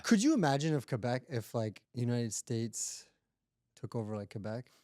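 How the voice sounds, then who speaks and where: Male co-host, mellow voice, playful and casual, lots of "like". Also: medium pitch, lively intonation, measured pace, no room sound, clean studio sound. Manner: loose and playful, heavy use of "like". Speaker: podcast co-host. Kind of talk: casual chat.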